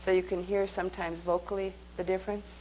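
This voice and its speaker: A woman's voice: on the low side, level tone, quick pace, darkish tone, slight background noise, low-quality recording. A woman leading a live workshop, speaking conversationally and guiding the group through exercises. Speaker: workshop teacher.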